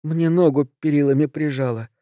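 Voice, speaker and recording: A man's voice: fairly high pitch, fairly even intonation, moderate pace, mellow, no room sound, muffled recording, natural voice. A man reading a wounded young woman in an audiobook, urgent and strained. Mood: pained.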